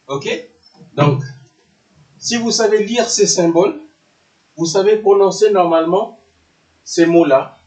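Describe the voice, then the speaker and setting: A man gives a classroom-style lesson at a board, repeating each word with patient care. His voice sits slightly high and unhurried. The room around him rings with echo. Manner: patient, repeats words slowly, often checks with "ok?". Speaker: English teacher. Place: room with a whiteboard. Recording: echoey room.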